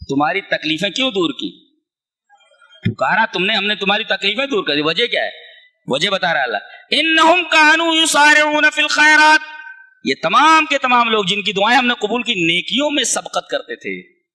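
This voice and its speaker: Male preacher, high voice, bright and sharp, very lively pitch, rhetorical questions. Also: husky. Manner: animated preacher, rhetorical questions, quotes Arabic verses slowly. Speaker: Quran commentator. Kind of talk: Quran commentary lecture.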